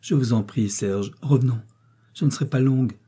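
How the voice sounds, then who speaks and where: A man voicing a timid, tearful young bride who pleads softly with her husband. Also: mid-range voice, normal speed, breathy edge, lightly acted. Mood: pleading.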